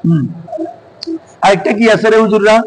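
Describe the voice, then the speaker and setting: A man's voice: sits high, normal speed, noisy background. A male teacher, giving a classroom lesson and quizzing his students with repeated questions.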